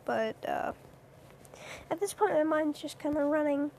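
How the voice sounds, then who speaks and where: Young woman, high voice, hesitant rambling, late-night stream chat, faint background hum. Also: animated, a little slow, darkish tone. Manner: rambling, hesitant, many fillers.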